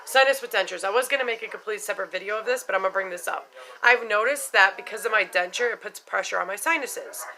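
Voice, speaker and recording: Speaking straight to the camera in a loose, unscripted vlog, a middle-aged woman shares her experiences with dentures in a bright, clear, medium-pitched voice. She's frank and chatty, swears casually, and leans on "you know" and "like," though the audio is poor.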